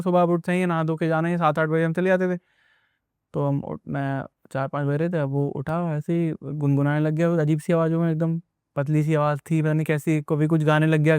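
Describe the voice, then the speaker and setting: Young male guest, rapid rambling storyteller, clear dry voice. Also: a little high, darkish tone, no echo. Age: young adult. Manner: rambling, repetitive retelling with many asides. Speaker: guest recounting an experience. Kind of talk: casual spoken storytelling.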